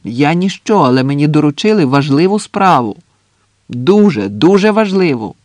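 A man voicing a tense male partisan who shouts and pleads at a trench in an audiobook. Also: a little high, lively intonation, normal speed, no echo, studio quality, voice pushed up, close to an everyday voice. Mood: shouting, pleading. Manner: loud, pleading, strained.

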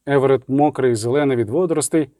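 A man narrating an audiobook with vivid, measured storytelling. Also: mid-range voice, warm tone, no room sound, studio quality.

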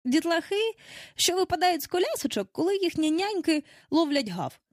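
A woman doing a cocky young boy who shrugs everything off with a brash, breezy swagger. The voice sits high and swings lively through each line, with a storybook audiobook feel. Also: no room sound, clean studio sound. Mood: boastful. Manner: boastful, breezy, quick to brush things off. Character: cheeky boy who never grows up.

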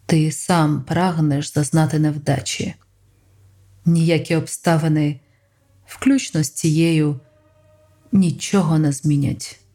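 A man's voice: fairly high pitch, moderate pace, a little mellow, lightly acted. An audiobook reader voicing a skeptical male friend who gives blunt, hollow-toned warnings.

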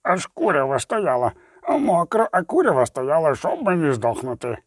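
A man doing an excited young dwarf. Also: on the high side, moderate pace, dry recording, studio quality. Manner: excited exclaiming. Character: excitable male dwarf companion.

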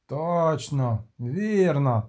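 A rough, menacing sailor leading a mutiny, as a male audiobook narrator voices him. The voice sits a touch high and sounds mellow and dark. He barks gruff, urgent threats. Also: lively intonation, drawn-out words.

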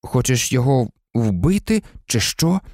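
A man voicing a blunt teenage schoolboy who is quick to take offence. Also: medium pitch, big pitch swings, darkish tone, no echo, clean studio sound. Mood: indignant. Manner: blunt, indignant.

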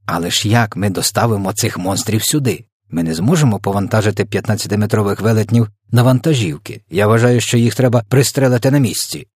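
A man's voice: on the low side, fairly quick, hardly any pauses, a little mellow, breathy edge, no room sound, clean studio sound. A man reading an audiobook, voicing a blunt, hot-tempered male army general. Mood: blustering. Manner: blustering, blunt. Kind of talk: storybook character voice.

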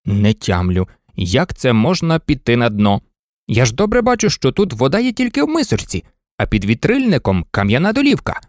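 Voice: mid-range voice, wildly swooping pitch, normal speed, darkish tone, no echo, clean studio sound, pitched below the performer's own voice. A narrator voicing a puzzled, down-to-earth toy train driver in a storybook. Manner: plain, puzzled.

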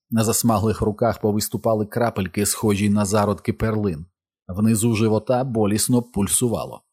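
A man reading a novel aloud as an audiobook narrator, in a measured, dramatic way. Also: lowish voice, darkish tone.

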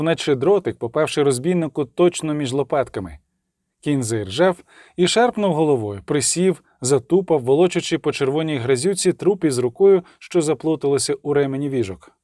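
A man giving a measured, vivid audiobook narration, recorded close on a studio mic. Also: a little high, darkish tone, dry recording. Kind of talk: scripted narration.

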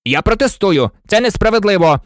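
A man voicing a boastful, excitable unicorn who likes to exclaim. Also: fairly high pitch, brisk, dry recording, studio quality. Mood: indignant. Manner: eager, exclaiming.

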